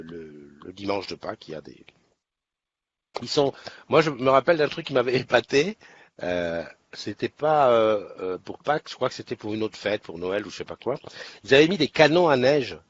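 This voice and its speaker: A man from Nice hosting a casual livestream, chatting in a rambling way with many restarts. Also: on the low side. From Nice, France. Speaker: livestream host. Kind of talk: casual live chat. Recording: slightly dull sound, faint background noise.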